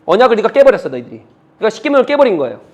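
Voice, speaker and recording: A middle-aged male pastor preaching a sermon, reading scripture slowly and asking the congregation one rhetorical question after another. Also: sits high, sing-song, lo-fi sound. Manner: reads scripture slowly, then explains.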